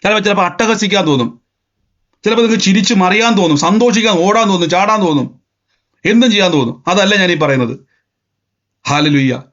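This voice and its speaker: Guy preaching hard, high voice, keeps repeating stuff, dull recording. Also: brisk, long pauses, a bit bright. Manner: emphatic, repetitive, acting out scenes. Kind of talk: sermon. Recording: dull lo-fi sound.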